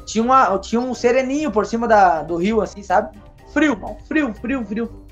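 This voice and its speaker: A man's voice: extremely high pitch, normal speed. A man from Paraná, telling a childhood story in a casual podcast chat, acting out the voices in it. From Paraná, Brazil. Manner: animated storyteller, acts out voices in anecdotes. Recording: dull recording with faint music.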